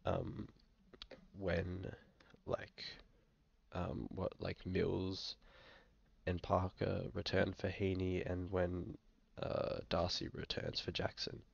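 A slightly sick young Australian man talks slowly, his voice low and flat with vocal fry, and he coughs occasionally. Working as a fantasy football vlogger, he offers casual screen-share commentary in a relaxed, hesitant manner full of fillers. The audio is dry and has a dull webcam quality, recorded in a small indoor room.

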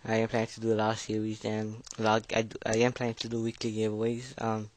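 Teenage male, braces-affected speech, lowish voice, very monotone, nervous, hesitant, mumbly, casual gaming commentary. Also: fast talker, a little hiss or hum. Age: teenager, fifteen. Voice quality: slightly slurred speech from wearing braces. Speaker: gaming video creator.

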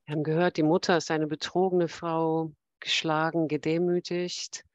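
A woman's voice: low-pitched, little pitch movement, moderate pace, darkish tone, no room sound. A woman moderator at a literary event, formally inviting the guests to read and framing each passage. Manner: polite and formal, introducing readers. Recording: dull, muffled sound.

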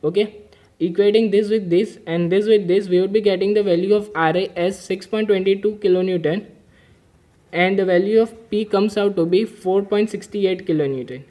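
With a high, dark-toned voice at a moderate pace, a man methodically explains a mechanics problem in a whiteboard-style problem-solving lesson. He sketches diagrams and takes each step patiently.

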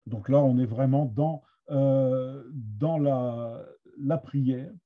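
A man's voice: mid-range voice, extremely slow. A man with a Somme Picard accent teaching Picard literature in an online master class, hesitant, with many restarts and fillers. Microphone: computer mic on a video call. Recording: dull lo-fi video call audio.

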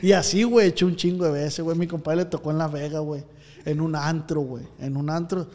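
A man's voice: fairly high pitch, fairly even intonation, fairly quick, darkish tone, big-room sound. A man hosting a casual podcast, telling slangy anecdotes and acting out the people in them. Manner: slangy storyteller, acts out voices in anecdotes. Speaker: podcast host.

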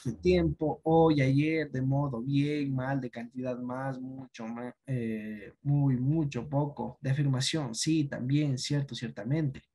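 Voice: mid-range voice, steady tone, takes it slowly, few pauses, warm tone, husky. A teacher giving an online class lesson, explaining patiently and often asking the students if they follow. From Ecuador. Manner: explains patiently, asks checking questions.

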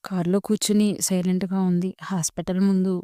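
A woman storyteller reading a scripted story narration in a steady, even way. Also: fairly low pitch, a little fast, clean tone, dry recording, clean studio sound.

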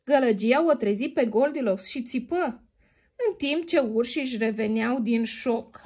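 A woman reading a children's story aloud in an expressive, sing-song manner, sometimes addressing the heroine directly. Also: fairly high pitch, breathy edge.

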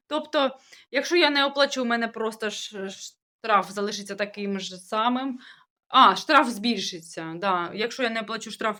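This young woman, a village-life vlogger whose native tongue is Russian, speaks casually to her viewers about everyday life in a high-ish, bright, forceful voice. A sore throat colors her speech, and she rambles and restarts as if puzzled.

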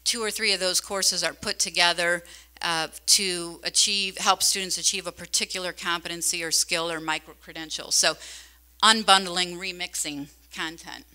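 A woman's voice: on the low side, fairly even intonation, moderate pace, bright, forceful tone. A middle-aged woman giving a conversational conference keynote into a handheld microphone in a large hall, often asking the audience questions. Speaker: keynote speaker.

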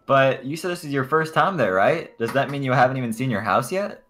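A friendly, chatty cat passenger from a cartoon video game, read out by a man. The acting is amateurish and plainly bad, at a middle pitch. Music plays along. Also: animated, a little fast, fairly bright tone, close to an everyday voice. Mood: curious, friendly. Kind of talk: reading game dialogue aloud.

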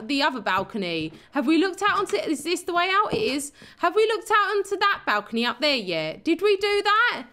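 A game channel host with a high-pitched, fairly bright voice gives casual Minecraft let's play commentary. She's hoarse and losing her voice, yet stays chatty and giggly, talking both to herself and to her viewers.

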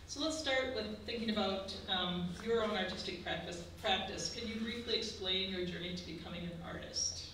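A woman's voice: medium pitch, moderate pace, hardly any pauses, fairly bright tone, a little hiss or hum. A woman moderating a panel, reading out introductions and posing questions. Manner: reads the introduction, then asks questions. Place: large lecture room, indoors. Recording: echoey room from far off.

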